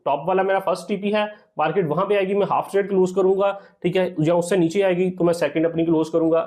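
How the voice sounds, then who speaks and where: Over a screen recording, a man who teaches trading lays out a strategy in a high-pitched, slightly mellow voice with fairly even intonation and a quick pace. "Theek hai" comes up often as a check-in, and he calls his viewers "sir."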